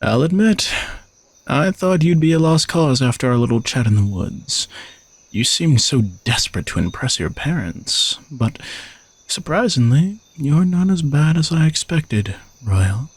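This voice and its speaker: In an audio roleplay addressed to the listener, a man voices an arrogant young knight bodyguard who teases but stays gruffly dutiful. His slightly high voice is animated and a little slow, heavily acted, with a confident, teasing mood. There's no echo.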